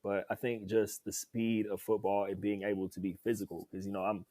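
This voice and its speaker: With no room sound around him, a young man talks fairly quickly in a fairly low, dark voice that barely moves in pitch. He's a former football player guesting on a podcast, telling his story in an upbeat, chatty, easily laughing manner, casual interview style.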